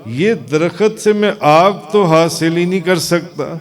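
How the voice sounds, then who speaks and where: Pakistani sufi preacher guy, storytelling sermon, stretches words out dramatic, kinda high voice. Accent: Pakistani Urdu. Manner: dramatic, drawn-out repetitions and chanted calls.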